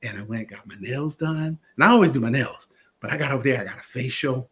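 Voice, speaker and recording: Male guest from Connecticut, chatty and animated anecdote teller, mid-range voice. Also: medium pitch, fast talker. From Connecticut, USA. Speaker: guest, attorney and theater producer. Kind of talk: casual storytelling interview.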